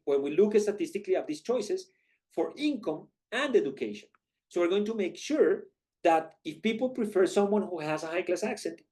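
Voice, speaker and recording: A man lectures to a university class, walking through his points step by step. He asks a question and then answers it himself, in a voice pitched a little higher than most men's. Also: a little mellow. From Colombia. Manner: methodical, poses questions then answers them. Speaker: guest lecturer, economist.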